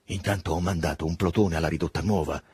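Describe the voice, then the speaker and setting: A man reading the part of a hurried, overbearing lieutenant colonel in an audiobook, brisk and falsely cordial. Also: sits low, steady tone, a little mellow, slightly rough, dry recording, clean studio sound, voice pushed down. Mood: insistent. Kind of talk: audiobook dialogue.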